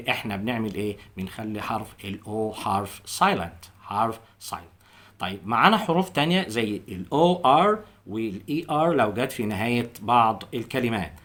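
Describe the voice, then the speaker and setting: Male English teacher with an Egyptian Arabic accent, lively up-and-down delivery, repeats each word slowly several times for beginners. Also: mid-range voice. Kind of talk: phonics lesson for beginners.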